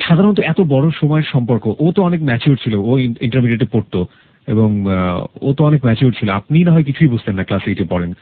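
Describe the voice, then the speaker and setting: The audio is narrow and tinny as a radio show host with a Bangladeshi accent conducts a probing life-story interview, summarizing for listeners. His medium-pitched voice is expressive and fast.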